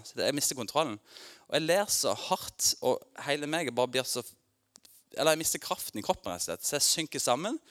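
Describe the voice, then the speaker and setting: A male preacher with a mid-range voice talks to his church congregation in a loose, conversational way. He calls on listeners by name, laughs easily, and grows loud and animated as he tells a personal testimony. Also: mid-range voice. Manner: informal and chatty, with filler words and restarts, laughing often; grows loud and excited while telling his story.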